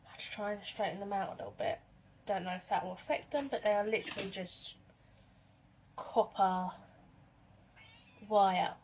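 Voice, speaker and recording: A woman's voice: medium pitch, steady tone, moderate pace, long pauses, slight background noise. A woman, chatting casually to camera in her home kitchen and telling spooky stories in a rambling way. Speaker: vlogger.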